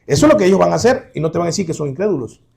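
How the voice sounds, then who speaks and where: A man preaching a sermon as pastor, addressing the congregation as brothers with rhetorical questions and swinging between loud emphatic exclamations and quiet low asides. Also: expressive, rapid-fire, vocal fry.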